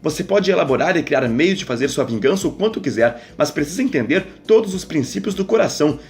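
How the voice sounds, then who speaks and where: A man reading aloud, voicing a poised adult woman mentor who speaks calmly and insistently. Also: on the high side, fast. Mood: serious. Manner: calm, teasing, insistent.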